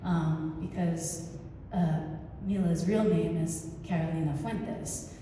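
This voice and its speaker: A woman's voice: on the low side, fairly even intonation, takes it slowly, warm tone. Woman host, friendly intro, lots of ums, far from the mic, roomy church hall. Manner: friendly, many um fillers. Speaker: event host. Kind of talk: introducing a guest. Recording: distant echoey hall with faint noise.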